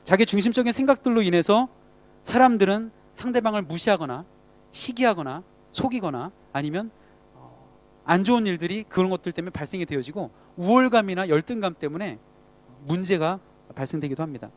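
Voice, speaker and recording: High-voiced man preaching to a youth group. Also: expressive, a little fast. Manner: conversational, asks the congregation questions. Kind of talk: sermon.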